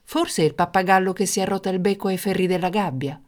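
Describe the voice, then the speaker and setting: A woman's voice: fairly low pitch, a little fast, a little mellow, lightly acted. A woman reading an offhand male courtier.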